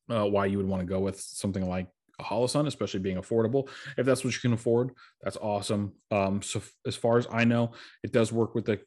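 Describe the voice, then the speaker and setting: A man's voice: lowish voice, darkish tone. A man hosting a podcast, chatting casually and rambling with lots of fillers, sounding tired. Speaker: podcast host.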